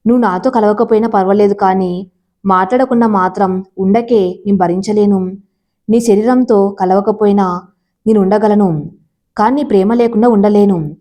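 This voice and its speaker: A devoted young man pours out his love in a soft, pleading way, as a woman storyteller reads his lines. The voice stays mellow and warm, at a middling pitch for a woman's reading. It is an everyday reading voice, not a big character voice. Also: moderate pace, natural voice. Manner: tender, pleading, emotional.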